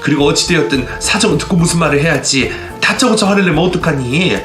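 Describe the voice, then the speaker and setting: A man voicing a worried middle-aged stepmother who gently scolds her son in a radio story. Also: on the high side, expressive, quick pace, voice pushed up, natural voice. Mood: reproachful. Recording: roomy echo, faint background music.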